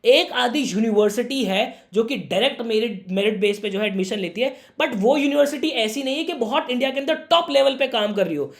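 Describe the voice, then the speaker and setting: A young man talks straight to camera, giving students earnest career advice. His voice is a little hoarse from a sore throat. He keeps up a warm, brotherly tone and talks to the viewer as if to a younger sibling. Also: extremely high pitch, lively intonation, fairly quick, few pauses. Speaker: career guidance YouTuber.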